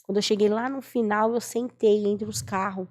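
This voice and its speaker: A woman's voice: medium pitch, fairly even intonation, moderate pace, a little mellow. A Brazilian woman in her forties giving an emotional personal testimony as a guest, earnest and storytelling, acting out the voices she quotes. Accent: Brazilian Portuguese. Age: 40s.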